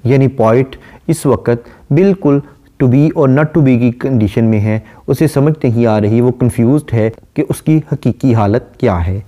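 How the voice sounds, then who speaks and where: A man giving a literature lecture, reading English verse lines slowly and explaining each one in Hindi-Urdu. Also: medium pitch, mellow. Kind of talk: recorded lecture.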